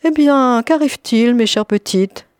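A woman's voice: medium pitch, very animated, moderate pace, darkish tone, no room sound, studio quality, voice pushed up, lightly acted. A woman reading an audiobook, voicing a stern, haughty charity lady in her fifties with cold politeness. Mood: coldly polite. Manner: coldly polite, sharply questioning.

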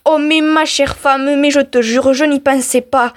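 A woman's voice: very high-pitched, normal speed, a bit bright, pitched above the performer's own voice. A woman voicing a flustered, rash peasant husband in a folk tale, stammering as he talks. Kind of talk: storytelling for radio.

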